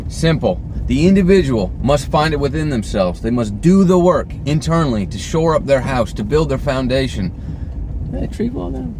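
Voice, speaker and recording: A man's voice: medium pitch, noisy background. A man delivering an off-the-cuff, emphatic opinion rant, swearing and often checking in with the listener. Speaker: vlogger.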